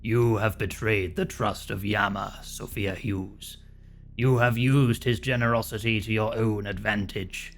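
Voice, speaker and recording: A man voicing a stern demonic judge from a video game, in a slow, solemn, possessed manner of pronouncing doom. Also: on the low side, fairly even intonation, slight background noise, voice pushed down. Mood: solemn, condemning. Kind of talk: dramatic video game role-play. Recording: music behind the voice.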